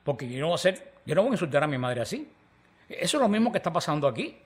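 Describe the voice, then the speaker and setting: A preacher with a fairly high-pitched voice races through a conversational Bible teaching. He tells stories with animation and acts out the quoted dialogue.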